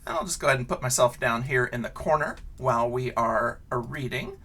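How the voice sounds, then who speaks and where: A man who is a teacher reads a picture book to young listeners a little fast, his voice carrying a breathy edge as he adds expressive questions and casual asides.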